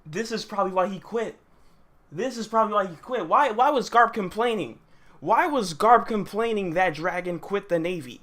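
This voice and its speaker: A man commenting live on a comic chapter, excitable, slangy and given to repeating himself. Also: high voice, moderate pace. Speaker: streamer.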